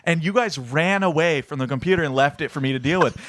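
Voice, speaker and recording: A man's voice: on the high side, quick pace, fairly bright tone, dry recording. A man chatting casually as a co-host, telling anecdotes in an informal, rambling way peppered with "like".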